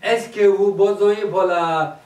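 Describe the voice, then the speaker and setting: A man with a Tibetan accent introducing a chant evening to an audience in halting, laughing French. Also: sits high, steady tone, a little mellow. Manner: broken French, slow, laughing often. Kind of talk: halting explanatory talk to an audience. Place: meditation centre hall, indoors. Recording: roomy distant hall mic with faint noise.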